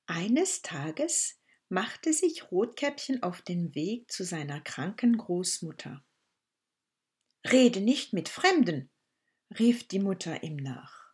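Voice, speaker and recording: A woman reading a children's fairy tale aloud, slow and expressive. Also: fairly low pitch, breathy edge. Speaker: storyteller.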